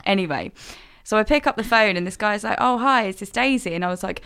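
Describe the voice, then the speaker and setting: Animated young woman telling a story. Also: mid-range voice, quick pace, clean tone. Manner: animated, acts out the voices in her stories, laughs often. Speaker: podcast co-host. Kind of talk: casual chat, storytelling.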